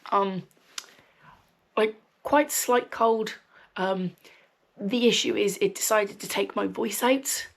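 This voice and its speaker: A young woman with a Brummie-ish West Midlands accent rambles on her podcast in a croaky voice, a bit nasal and wheezy as she recovers from a cold. Medium in pitch, she speaks slowly and pauses often. The chat is casual and chatty, peppered with ums and dry swearing asides.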